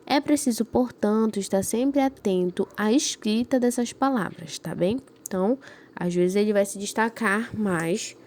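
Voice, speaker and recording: A woman's voice: medium pitch, measured pace, a little mellow. A woman with a northern Brazilian accent, a primary school teacher giving a recorded class lesson, explaining step by step and checking in with her pupils after each point. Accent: northern Brazilian Portuguese.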